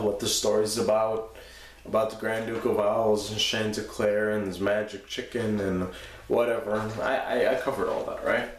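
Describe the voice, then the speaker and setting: Drunk man, lowish voice, crude rambling film review, losing his thread, echoey room, faint background noise. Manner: crude, profane. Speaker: host of a movie review show. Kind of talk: casual unscripted film review rant.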